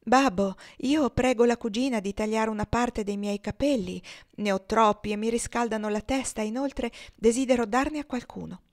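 A woman voicing a gentle, frail young girl who speaks softly and earnestly, read aloud from a storybook. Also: on the high side, normal speed, hardly any pauses, voice pushed up, close to an everyday voice.

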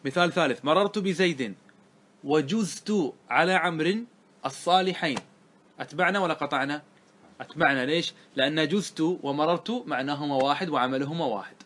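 Grammar sheikh teaching a lesson. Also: male voice, on the high side, fairly bright tone, slight background noise. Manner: asks students rhetorical checks, recites verse slowly. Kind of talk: classroom lesson explaining a grammar poem.

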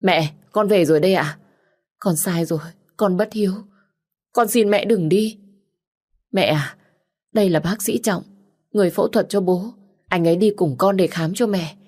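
A woman's voice: fairly low pitch, normal speed, pauses often, darkish tone, pitched above the performer's own voice, natural voice. A woman voicing an anxious young son who speaks in a pleading, emotional way in an audiobook. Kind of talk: audiobook character reading.

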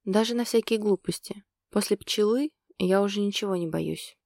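A woman's voice: mid-range voice, normal speed, gravelly, darkish tone, no room sound, studio quality, close to an everyday voice. A woman reading the lines of a jealous, possessive young man in love, in a grumbling, brooding way, as part of an audiobook. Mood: insistent.

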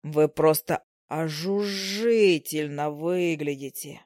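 A woman's voice: sits low, slow pace, darkish tone, no echo, clean studio sound, voice pushed down. A woman voicing a melodramatic, lovesick male fly in a storybook, groaning and gallant.

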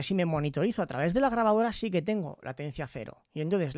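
A man from Zaragoza, Spain, chatting casually into a studio microphone as he reviews his headphones, often tagging his phrases with a quick question. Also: a little high, no room sound. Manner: chatty, tags phrases with "¿vale?". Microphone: studio microphone in front of him.

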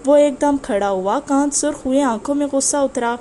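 Woman, audiobook narration, high voice, dramatic, faint background noise. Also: dark tone. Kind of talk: scripted novel narration.

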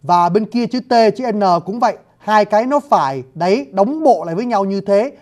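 A man's voice: high-pitched, animated, brisk. A man teaching a lesson on writing systems and sounds, politely addressing his viewers and demonstrating pronunciations. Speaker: language teacher. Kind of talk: video lesson on scripts and sounds.

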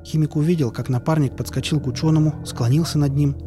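A man's voice: fairly high pitch, steady tone, fast. Man narrating an audiobook over music. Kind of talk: scripted narration.

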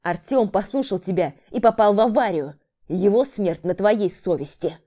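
A woman's voice: medium pitch, normal speed, warm tone, close to an everyday voice. A woman voicing a brutal male killer in an audiobook, harsh and barking insults at his sister. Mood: angry. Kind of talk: audiobook character voice.

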